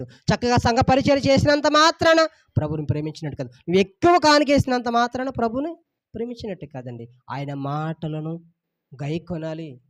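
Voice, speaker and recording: A man's voice: sits high, no room sound, clean studio sound. A male pastor delivering a sermon, repeating phrases with rising and falling intensity. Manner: emphatic, repetitive preaching with rising and falling intensity.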